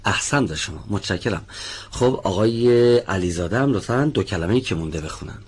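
A man's voice: fairly low pitch, lively intonation, breathy edge. A man teaching pronunciation in a studio lesson, patiently explaining sounds and calling on students one by one.

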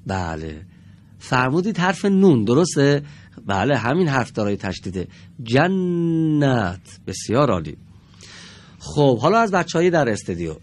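A man with a medium-pitched voice and big pitch swings teaches a televised classroom lesson in a studio. Patient and encouraging with the pupils, he draws out each example word slowly and deliberately.

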